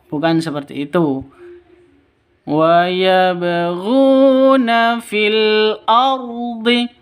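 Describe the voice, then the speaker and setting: High-voiced man teaching Quran recitation. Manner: alternates slow drawn-out chanted recitation with brisk explanations; corrects himself mid-word and repeats examples patiently. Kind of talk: step-by-step recitation lesson for beginners.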